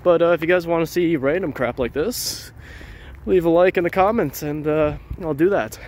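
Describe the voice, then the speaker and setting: A man's voice: a little high, moderate pace, a little mellow. Rambling casual male vlogger outdoors. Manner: rambling, informal, repeats phrases. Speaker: YouTuber, vlog host. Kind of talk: casual handheld vlog narration to viewers. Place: outdoors at night on trails and roads. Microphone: handheld camera.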